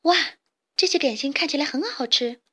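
A woman's voice: high voice, normal speed, fairly bright tone. A woman voicing a brave, curious little hen girl who speaks earnestly, in a children's storybook reading. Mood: delighted. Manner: earnest, pleading.

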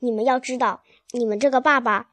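A tender mother fox in a storybook, worried but soothing her family, voiced by a woman reading aloud. Her voice is high and gentle, recorded close and dry. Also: steady tone, brisk, dry recording, natural voice.

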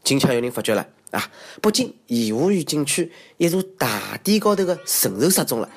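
A man's voice: a little high, very animated, fairly quick, husky. A man with a Shanghainese accent hosting a comic monologue in a self-mocking, exclamatory way with theatrical asides. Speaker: comedy show host. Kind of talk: comedic monologue on odd news.

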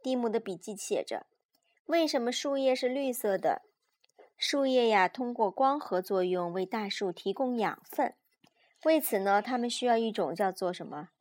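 A young mother reading a picture book aloud to her child at bedtime, patient and animated. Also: a little high, normal speed. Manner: gentle, patient, animated storyteller.

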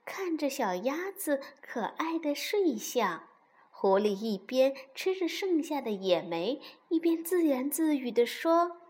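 A woman telling a children's story in a gentle, expressive way. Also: sits high, slow.

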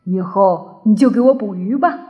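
Big lonely tyrannosaurus, as a woman puts him on, gruff but gentle, lowered slow halting voice, storybook, dull lo-fi recording. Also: close to an everyday voice.

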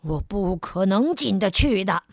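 A woman voicing a rude, arrogant man in a children's story, barking his words gruffly. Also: medium pitch, lively intonation, a little slow, no echo, clean studio sound, voice pushed down. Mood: sharp.

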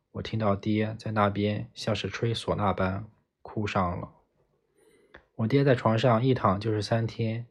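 A man narrates a novel in the first person with a low, husky voice. His reading is steady and plain, like a calm audiobook narrator.

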